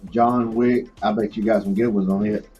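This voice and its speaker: A man chatting casually as a guest on a livestream, easygoing and quick to agree. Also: lowish voice, fairly even intonation, mellow, breathy edge, faint music behind. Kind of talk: casual chat.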